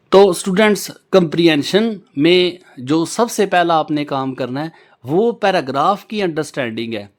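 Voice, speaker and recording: A man teaching an exam-prep lesson, earnest and reassuring, repeating each point step by step. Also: high voice. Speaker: English teacher.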